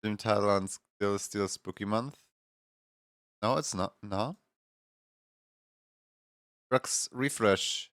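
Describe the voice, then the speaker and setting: Guy streamer w/ a stuffy morning voice, lowish pitch, rambling to chat, dry close mic. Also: slow pace, long pauses, a bit bright, no room sound. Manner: rambling, laughs often, greets chat members by name. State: congested morning voice. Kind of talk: casual live-stream chat.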